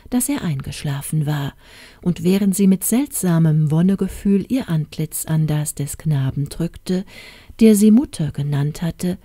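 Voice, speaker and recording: A woman narrating a storybook in a calm, measured way. Her voice is dark and mellow, a little low, and sits close and dry with no room sound. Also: no room sound. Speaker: audiobook narrator.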